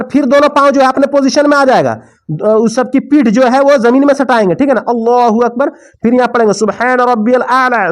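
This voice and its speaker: Woman, religious teacher, prayer lesson, repetitive check-ins, quizzes listeners, slow drawn-out recitation, moving through postures. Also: on the high side. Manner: moves through prayer postures while talking. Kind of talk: prayer instruction with demonstration.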